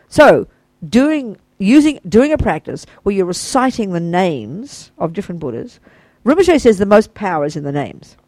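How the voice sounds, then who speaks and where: An older Buddhist teacher talks informally to a small group, gushing with enthusiasm and sprinkling in asides and warm praise. His middling-pitched voice sounds dry and close, without any room echo.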